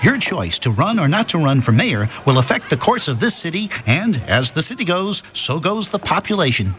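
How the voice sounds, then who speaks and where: A man's voice: fairly high pitch, very animated, normal speed, a bit bright, soft background music. A man playing an inquisitive young intellectual who speaks pompously, wordily and over-precisely in a radio drama. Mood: earnest, pompous. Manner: pompous, wordy, overly precise.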